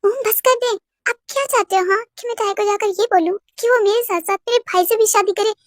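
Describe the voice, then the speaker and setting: A woman voicing an impatient young man who talks in a sharp, exasperated way. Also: extremely high pitch, fairly quick, no room sound, studio quality. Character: young man, impatient protective twin brother.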